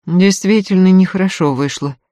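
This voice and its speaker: An impulsive young man, a student, gallant and earnest, quick to flare up and quick to apologise, as a reader puts him on. Read close and dry, in the even register of a storyteller. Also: medium pitch, dry recording, voice pushed up, lightly acted. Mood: sheepish. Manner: earnest, ardent, stammering apologies. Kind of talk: audiobook character voice.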